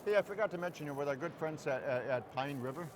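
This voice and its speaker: A man's voice: a little high, quick pace, background noise. A man from Wisconsin hosting a cooking show in a big indoor station hall, chatty and eager, often stumbling over repeated words.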